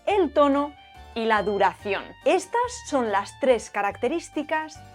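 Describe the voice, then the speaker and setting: Woman teaching, clear and a bit playful, highish voice, soft music under it. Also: expressive, unhurried. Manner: clear, explanatory, playful asides. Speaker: language educator. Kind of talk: educational explainer video.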